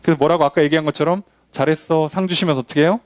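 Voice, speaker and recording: A man's voice: a little high, steady tone, racing, no echo. A male pastor preaching a sermon, asking the congregation rhetorical questions. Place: church.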